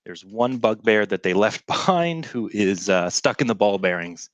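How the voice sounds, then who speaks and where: A man's voice: lowish voice, lively intonation, moderate pace, no room sound. A man who is a guest player in a tabletop game, careful and checking details before he acts.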